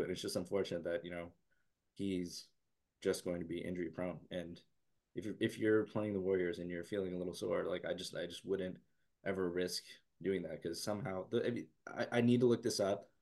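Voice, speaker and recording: Low-voiced male co-host, hoarse from losing his voice, halting casual sports chat. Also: steady tone, a little mellow. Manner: halting, many restarts and fillers. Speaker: podcast co-host.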